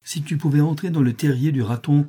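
A man voicing an excitable young male companion in a storybook reading, his voice raised high, shrill and frantic. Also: brisk, slightly rough. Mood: awed.

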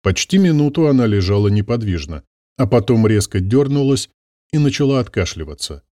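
A man reading an audiobook aloud, with expressive scripted narration. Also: lowish voice, fairly quick, no room sound, studio quality.

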